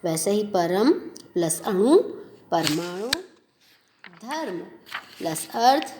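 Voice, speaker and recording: A woman teaching a grammar lesson at an unhurried pace, stretching out each example word so it can be heard clearly. Her pitch moves up and down a lot as she poses questions and answers them. A faint noise sits behind her voice. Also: animated. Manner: slow, drawn-out pronunciation of example words.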